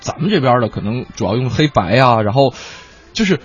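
Fast, lively male host on muffled AM radio. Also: medium pitch, husky, faint music behind. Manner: quick, animated, playful banter. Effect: AM radio broadcast sound. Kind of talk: lively radio variety chat.

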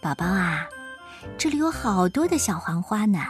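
A woman storyteller voicing a gentle, worried expectant mother, coaxing softly. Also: mid-range voice, big pitch swings, normal speed, faint music behind, natural voice. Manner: soft, coaxing.

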